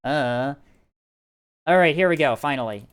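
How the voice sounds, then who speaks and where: A tournament caster calls a strategy game esports match live, chatty and animated, his play-by-play full of "uh" and "um." His mid-range voice is unhurried, and the audio is clean.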